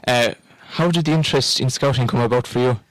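A man's voice: medium pitch, fast, a bit bright. A man with an Irish accent conducting a conversational interview, echoing answers back with short agreements.

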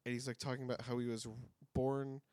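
A man's voice: medium pitch, flat delivery, quick pace, a little mellow, clean tone, no room sound. A young man with a mid-range voice tells a story in casual podcast talk. He is laid-back, swears and laughs often, and the sound is dry and close-miked. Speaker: podcast co-host. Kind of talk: casual chat.

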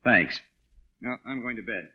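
A man's voice: mid-range voice, unhurried, narrow, tinny audio, close to an everyday voice. An actor playing a wry, sarcastic, exasperated man with dry, clipped delivery in an old Hollywood comedy style. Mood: sarcastic, weary.

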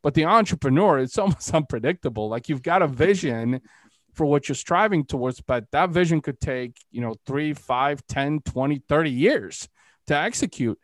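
Hosting a podcast interview, this entrepreneur from Eastern Europe rambles casually and peppers his speech with fillers like "you know." He speaks at a normal pace with a fairly high pitch and lively intonation, and there's no echo.

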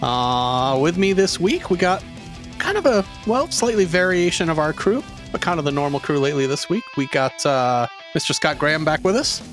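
A man's voice: fairly high pitch, big pitch swings, normal speed, a bit bright, soft background music. A middle-aged man hosting a podcast in casual chat, telling long stories full of fillers. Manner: rambling storyteller, lots of fillers. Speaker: podcast host.

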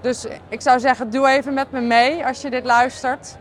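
A slightly high-voiced woman talks through a casual video diary for her podcast, tired and a little halting, with plenty of fillers. A faint hiss of outdoor town noise sits behind her voice. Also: fairly even intonation. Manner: candid, halting, with many fillers. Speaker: podcast host.

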